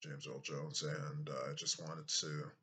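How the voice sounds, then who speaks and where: In a small room, a YouTuber in his thirties chats to his webcam for a casual vlog. His deep voice carries a sharp tone with little pitch movement, and he speaks in an unhurried, thoughtful way with lots of fillers.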